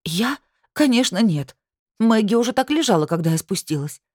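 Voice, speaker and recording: A woman's voice: medium pitch, very animated, moderate pace, dry recording, studio quality, voice pushed up. A woman voicing a frightened young woman in an audiobook, her voice breaking with sobs. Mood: tearful, shaken. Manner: sobbing, breaking voice. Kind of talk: audiobook character voice.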